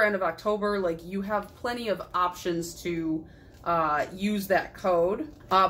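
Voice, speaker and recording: Fairly low-pitched yet fairly bright, this young nail polish YouTuber talks casually and self-deprecatingly through a haul video, frequently laughing. Fatigue shows, and her voice is going.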